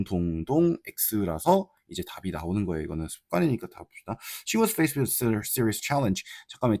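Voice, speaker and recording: A man's voice: fairly low pitch, a little mellow, no echo, clean studio sound. A man teaching an exam-prep English lesson in casual Korean, reading English lines with a Korean accent and checking in with his students. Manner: talks to students, checks in with frequent tag questions; mixes Korean explanation with read-out English lines.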